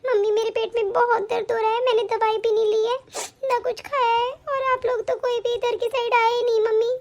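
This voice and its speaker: A woman plays a pregnant young daughter-in-law in an animated story, neglected by her family. She speaks in a plaintive, pleading way, and her voice is very high and thin. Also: brisk. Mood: hurting.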